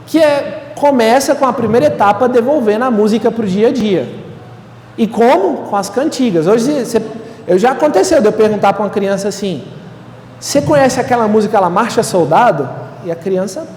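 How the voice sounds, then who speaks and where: High-voiced young man lecturing in an echoey hall. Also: animated, normal speed, a little mellow. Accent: Brazilian Portuguese. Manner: conversational, frequent "né?" tags. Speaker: seminarian lecturer. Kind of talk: lecture to a live audience. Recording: echoey hall, distant mic, faint room noise.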